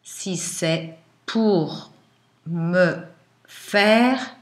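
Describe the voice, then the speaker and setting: A woman schoolteacher dictating to young pupils, pronouncing phrases word by word with deliberate pauses and repeats. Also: fairly low pitch. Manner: deliberate, sounding out words with pauses. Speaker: primary school teacher. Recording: echoey room.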